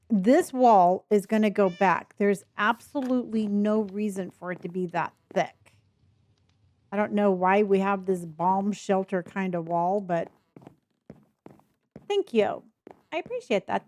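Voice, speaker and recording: A woman live streaming a game with casual, halting commentary, thinking aloud, with a speech impediment that turns her r's into w's. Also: mid-range voice, expressive, a little mellow, no room sound. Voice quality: speech impediment, cannot pronounce R's, says w for r.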